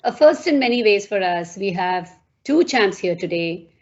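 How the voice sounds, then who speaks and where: A woman's voice: medium pitch, animated, moderate pace, lo-fi sound. A woman hosting an interview over a video call, effusive and full of fillers. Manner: warm, effusive, frequent fillers. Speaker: host.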